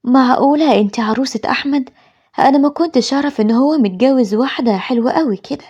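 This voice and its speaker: A bitter, domineering Egyptian mother scolds and threatens her boy in a cartoon story, as a woman narrator puts her on. The voice is mellow and husky, and it sits a little high. The recording is dull and lo-fi. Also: fast. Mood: nervous. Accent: Egyptian Arabic. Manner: scolding, shouting orders. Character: cruel older mother, harsh and scolding.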